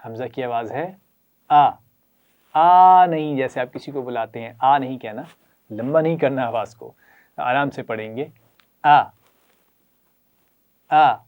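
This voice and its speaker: A man's voice: mid-range voice, steady tone, phone-quality sound. Encouraging man teaching children to read Quran. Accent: Pakistani Urdu. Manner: encouraging, praises often and leads repetition. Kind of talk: children's Quran reading lesson.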